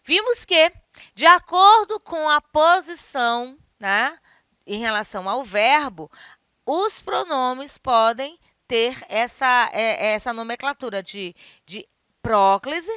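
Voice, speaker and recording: Woman teacher, somewhat high, crisp tone, didactic and checking in with students. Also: animated, takes it slowly, sharp tone, no room sound, studio quality. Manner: didactic, checks in with the class often. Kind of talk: recorded grammar lesson.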